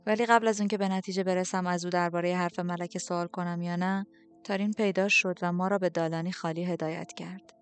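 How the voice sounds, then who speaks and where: A woman narrating a novel in the first person, with a steady, even storytelling delivery. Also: lowish voice, clear, resonant tone, faint music behind. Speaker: audiobook narrator.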